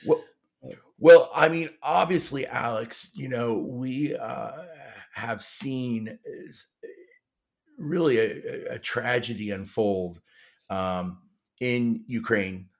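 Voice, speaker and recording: A man's voice: mid-range voice, slow pace. A man hosting a faith-based interview podcast, asking questions in a rambling way, often searching for words. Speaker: podcast host.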